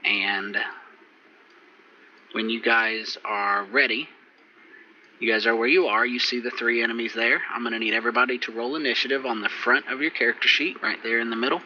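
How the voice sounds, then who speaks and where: Bright-voiced man running a tabletop game. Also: medium pitch, fairly quick, muffled recording, a little hiss or hum. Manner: relaxed, rambling with fillers and restarts. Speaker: game master.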